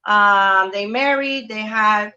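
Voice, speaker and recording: A middle-aged Puerto Rican woman, a guest on a video call interview, casually recalls personal memories from an outdoor family courtyard. She speaks slowly in a medium-pitched, pushed, bright voice, and the call audio is dull and lo-fi.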